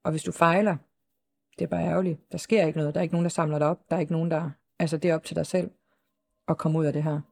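A woman's voice: low-pitched, steady tone, creaky, darkish tone. A woman in an interview telling her own story, hesitant and circling with many fillers, yet composed and matter-of-fact. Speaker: interviewed mother. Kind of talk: personal interview account.

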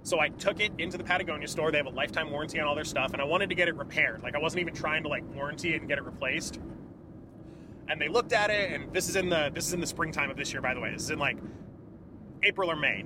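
Guest voice: eager, rambling man, quick and slightly high, car noise behind. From California. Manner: enthusiastic, rambling, filler-heavy. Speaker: podcast guest. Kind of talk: casual conversation. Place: inside a car. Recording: road and traffic noise.

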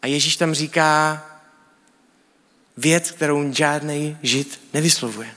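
A man's voice: fairly high pitch, steady tone, pushed and bright. A man giving a sermon, explaining things in a casual, teaching way with colloquial speech. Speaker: preacher. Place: church hall. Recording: church hall with long reverb.

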